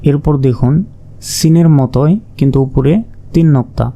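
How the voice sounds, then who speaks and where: A man teaching Quran reading, slowly naming and repeating each Arabic letter and explaining how to pronounce it. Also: mid-range voice, steady tone, vocal fry, warm tone. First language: Bengali. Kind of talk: slow letter-by-letter pronunciation lesson.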